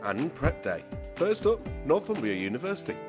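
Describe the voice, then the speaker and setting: A man's voice: a little high, sing-song, normal speed, over loud music. Wry male voice-over narrator. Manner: wry, playful. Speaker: show narrator. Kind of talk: scripted narration.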